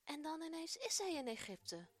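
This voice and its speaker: A woman storyteller reading a children's Bible story aloud in a gentle, expressive voice. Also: high-pitched, normal speed.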